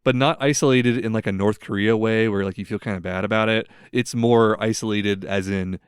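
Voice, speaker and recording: A young American man hosts a podcast, rambling through stories in casual chat packed with fillers and lots of "like." His voice sits lowish, steady, clear and resonant, and he talks a little fast. The recording is dry and studio-clean.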